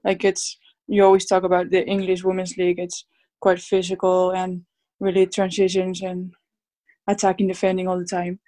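A woman's voice: on the low side, completely flat delivery, normal speed, mellow. A woman from the Basque Country speaking English with a Basque Spanish accent, answering casually as a footballer in an interview. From Basque Country, Spain. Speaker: professional footballer being interviewed.

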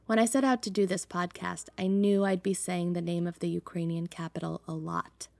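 Hosting and narrating her podcast, this woman, raised in the US with Russian as her first language, sounds conversational and reflective. Her lowish voice holds a steady tone and is creaky and dark, and she talks a little fast. There is no room sound.

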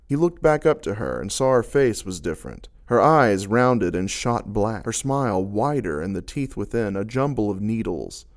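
A man narrating a dark fantasy story with slow, dramatic delivery. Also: on the low side, sing-song.

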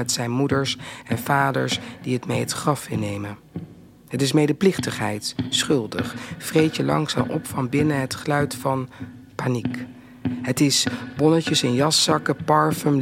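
Male poet, gravelly middle voice, intense recitation with whispered moments. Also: medium pitch, background noise. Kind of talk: spoken word poetry.

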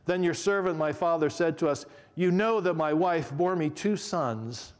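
A man reading scripture aloud as Judah, a grown man pleading humbly before a lord, in a slow, earnest dramatic reading. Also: a little high, long reverb tail, lightly acted.

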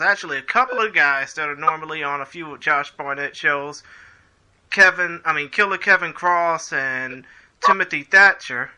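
A man hosts a casual interview show in an easygoing way. His voice is high and very bright. He laughs often and says his words twice as he leads the chat. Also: rough recording.

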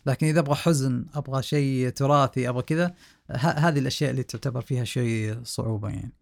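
A man, a sound engineer being interviewed on a podcast, explaining things slowly with many hesitations and restarts. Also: mid-range voice, vocal fry.

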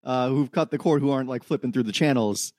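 A man hosting a casual podcast chat, quick and emphatic in his points. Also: mid-range voice, darkish tone, no echo, clean studio sound. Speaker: podcast host.

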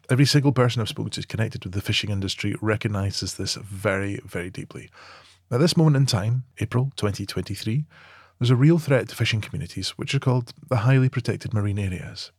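Low, dry-voiced podcast host. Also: male voice, slightly rough, no echo. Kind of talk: scripted podcast introduction.

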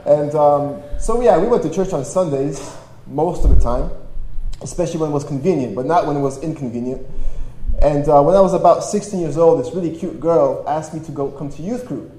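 Preaching to young adults at a live gathering, this Polish-born priest from Toronto, whose first language is Polish, shares a casual, jokey personal testimony full of slang and self-deprecation. His male voice is on the high side, warm and fairly quick. He's heard through a stage mic and PA in a big echoey room with faint noise.

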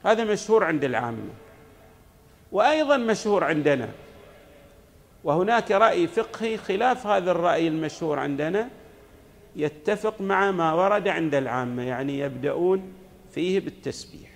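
A man's voice: high voice, lively intonation, fairly quick, creaky, long pauses. A man giving a sermon in a mosque. He teaches step by step, asks questions and answers them himself, and demonstrates recitations aloud. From Saudi Arabia. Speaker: cleric giving a religious lecture.

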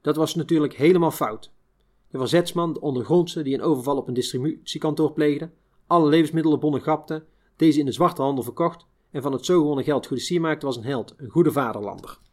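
Reading aloud from a first-person memoir, a man speaks in a steady, measured way. His voice sits on the higher side for a man.

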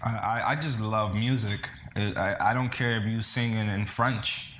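A fairly low, slightly bright male voice with fairly even intonation comes across a little slowly. He's a singer-songwriter interviewed as a guest, from the Bronx in New York City after early years in the Dominican Republic, and he speaks casually and sincerely, hesitating and repeating words.

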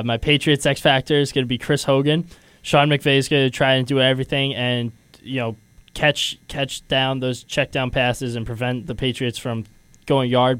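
A man's voice: mid-range voice, a bit bright, smooth, dry recording. A young man hosting a casual sports radio show, steering the talk and teasing his co-hosts. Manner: leads the segment, teasing, laughs often. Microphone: headphones and studio mic.

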